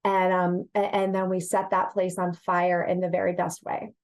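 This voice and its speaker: A woman's voice: lowish voice, monotone, normal speed. A woman answering as an interview guest, talking about her work in an earnest, emphatic way with repeated phrases. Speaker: interview guest, executive search partner and HR director.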